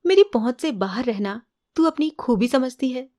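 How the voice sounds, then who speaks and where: A woman's voice: high voice, lively intonation, moderate pace, a little mellow. A woman voicing a wry, grumbling male private detective who banters and scolds dryly, in an audiobook reading. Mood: bantering. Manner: dry, bantering, mock-scolding.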